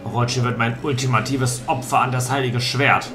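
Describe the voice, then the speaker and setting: A man's voice: medium pitch, steady tone, moderate pace, lightly acted. Man playing a solemn brooding warrior, music behind. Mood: grim, resolute. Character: brooding proud male warrior bound to cursed sword. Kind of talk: dramatic video game read-aloud.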